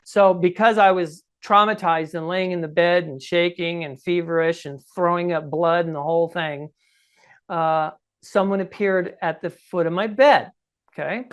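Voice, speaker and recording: A man in his sixties appears as a podcast guest, telling his own story in an emphatic, conversational first-person way and frequently checking in with "okay?" and "right?". His voice is high and scratchy yet smooth, with fairly even intonation at a normal speed.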